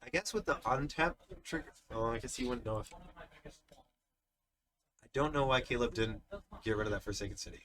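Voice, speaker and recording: A man's voice: mid-range voice, normal speed, pauses often, a bit bright. A man giving live card game commentary, explaining the plays step by step in an analytical way. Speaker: tournament commentator.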